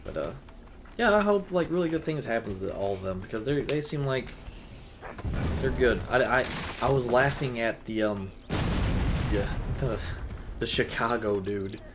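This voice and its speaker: A man's voice: medium pitch, moderate pace, long pauses. A young man with a sore, scratchy throat, rambling and swearing casually as a host while he plays a game. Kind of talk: casual chat while gaming.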